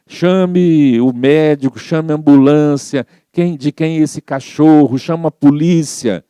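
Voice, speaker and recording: A man's voice: a little high, a little slow, mellow, clean tone, no room sound, voice pushed up, natural voice. A man voicing an angry old woman who has just been bitten by a dog, scolding frantically. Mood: frantic scolding.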